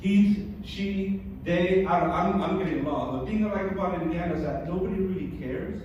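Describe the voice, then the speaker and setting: A stand-up comedian from Massachusetts, raised in California, rambles through a set in a high-sitting voice, darkish in tone and at a moderate pace. He's chatty, with plenty of fillers and restarts. The audio is dull, recorded with a distant mic in an echoey club with background noise.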